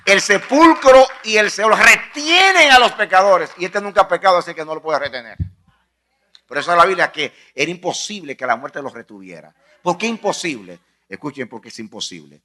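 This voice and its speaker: A male pastor preaching a sermon, emphatic, repeating phrases and swinging from hushed to loud. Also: high-pitched, expressive, moderate pace.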